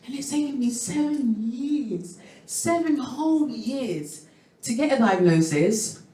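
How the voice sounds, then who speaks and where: A woman's voice: sits high, takes it slowly. Candid woman host telling her story. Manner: candid, animated storytelling with acted-out quotes. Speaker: event host and founder. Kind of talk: personal story told to a live audience. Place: event venue room. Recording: echoey room, voice from far off.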